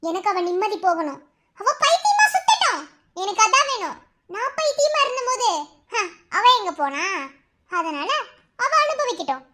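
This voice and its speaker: A woman's voice: extremely high pitch, big pitch swings, normal speed, pushed and bright, slight background noise, heavily acted. An actress playing a vengeful, scheming wife who taunts her husband with mocking laughter. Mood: spiteful. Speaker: villain. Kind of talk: TV serial dialogue.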